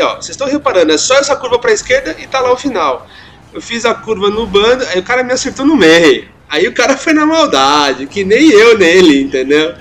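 A man's voice: fairly high pitch, a little hiss or hum. A young man with a Brazilian Portuguese accent, casually commenting over his own gameplay, joking about his mistakes and laughing often. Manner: self-mocking, chatty, laughs often.

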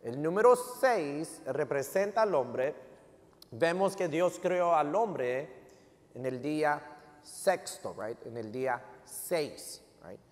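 Man, middle-aged, pastor, Mexican American accent, joking sermon, mixes in English, slightly high voice, long church-hall reverb. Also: takes it slowly. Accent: Mexican American Spanish with English code-switching. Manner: lively, joking, switches often into English tags like "right?". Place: church sanctuary.

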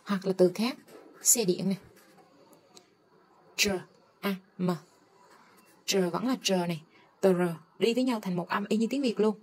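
A woman teaching English phonics, slowly drawing out and repeating each sound as she models it. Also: mid-range voice, husky. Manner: slow, drawn-out modeling of sounds. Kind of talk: phonics lesson.

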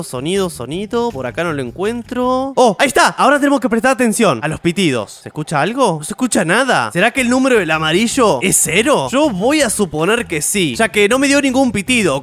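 Guy doing gameplay commentary, really lively swooping voice, thinks out loud. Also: sits high. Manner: chatty, talks to viewers, thinks aloud. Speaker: gameplay YouTuber.

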